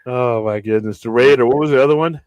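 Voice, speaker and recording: A man's voice: medium pitch, fast, smooth, dry recording, low-quality recording. Emphatic man chatting on a podcast. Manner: animated, emphatic, repeats himself. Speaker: podcast co-host. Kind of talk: casual chat.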